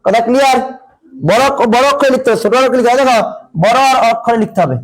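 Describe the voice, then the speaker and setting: A man's voice: very high voice, racing, rough recording. A male teacher giving a chemistry lesson in casual Bengali. He asks his students questions, answers them himself and repeats the key points. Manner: colloquial, dialect-tinged Bengali.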